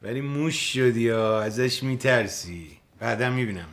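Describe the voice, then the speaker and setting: A teasing gravelly brother. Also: male voice, mid-range voice, lively intonation, a bit bright. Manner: teasing, nonchalant. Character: carefree teasing younger brother in sitcom.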